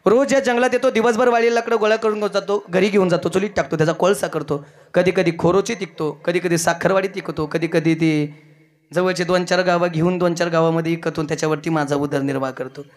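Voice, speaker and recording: A man's voice: high voice, fairly even intonation, a little fast, lightly acted. A man voicing a poor, earnest woodcutter who speaks in a deferential, plain village manner. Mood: humble.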